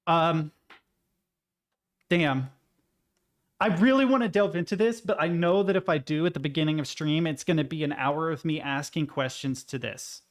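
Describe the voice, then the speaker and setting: A man's voice: a little high, moderate pace. A man chatting casually on a livestream, thinking aloud with stammers, self-interruptions and some self-deprecating swearing. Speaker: live streamer.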